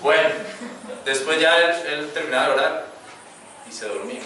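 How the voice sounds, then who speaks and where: A man preaching in a church, telling a personal story and quoting scripture in a loose, conversational way full of fillers and "right?". His voice sits fairly high and sounds bright and forceful. The sound comes from far off in a strongly echoing hall, with faint room noise behind it. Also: steady tone, moderate pace. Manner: chatty storytelling with frequent fillers and rhetorical "¿cierto?". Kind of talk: conversational sermon.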